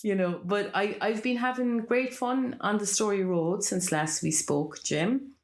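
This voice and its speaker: A woman with an Irish accent, chatting and telling anecdotes in a lilting, animated storyteller's way. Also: mid-range voice, a little slow. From Ireland. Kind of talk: casual conversational storytelling.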